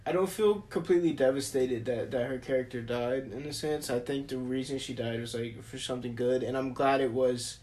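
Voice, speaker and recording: A man's voice: mid-range voice, steady tone, a little fast, hardly any pauses, a little mellow. A young man co-hosting a podcast, talking casually in a laid-back, hedging way. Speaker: podcast co-host. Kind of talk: casual chat.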